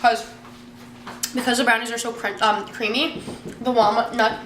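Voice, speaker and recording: Chatty young woman with a higher voice. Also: level tone, normal speed, fairly bright tone, slight background noise. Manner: chatty and rambling, with many fillers and giggles. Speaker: vlogger. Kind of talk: casual cooking vlog chat. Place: home kitchen.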